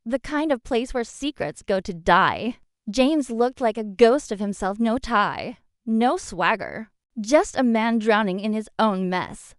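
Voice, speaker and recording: A woman narrating a dramatic first-person revenge story in an expressive storytelling manner. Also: fairly high pitch, a little slow, no echo, clean studio sound.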